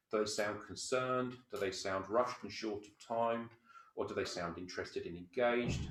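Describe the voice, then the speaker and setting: A man co-presenting a training webinar, explaining his points with rhetorical questions and everyday examples over a video call. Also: mid-range voice. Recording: roomy video call audio.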